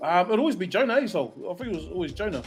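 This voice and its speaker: A New Zealand man with a high, very animated voice, co-hosting a relaxed livestream chat. He laughs often and acts out bits of his stories. Faint music sits behind him. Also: very fast. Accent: New Zealand English. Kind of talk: casual group chat.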